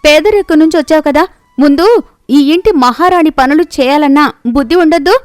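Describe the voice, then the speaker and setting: A woman voicing a domineering, shrewish young wife who scolds and taunts in a shrill voice. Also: normal speed, no room sound, natural voice. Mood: scolding. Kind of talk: animated storybook voice acting.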